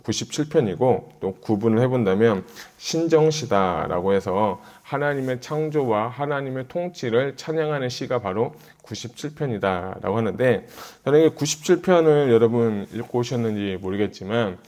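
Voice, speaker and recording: A middle-aged man preaching in an easy, conversational way, as if thinking aloud before his congregation. His voice sits at an ordinary pitch and grows pressing and earnest when he turns to urging his listeners. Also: animated, moderate pace, hardly any pauses, a little mellow. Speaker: pastor. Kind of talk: sermon, Bible exposition.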